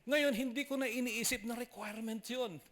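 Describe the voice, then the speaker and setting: A man's voice: very high voice, moderate pace, a bit bright. A middle-aged man with a Filipino accent preaching a sermon, mixing personal stories with questions to the congregation. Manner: mixes storytelling and preaching, asks the congregation questions. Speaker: lay preacher.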